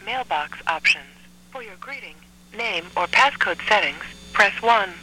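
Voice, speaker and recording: Over a phone line, a woman reads menu prompts as the recorded voicemail voice, keeping the instructions measured and clearly separated. She speaks at a medium pitch with lively intonation, and heavy background noise runs underneath.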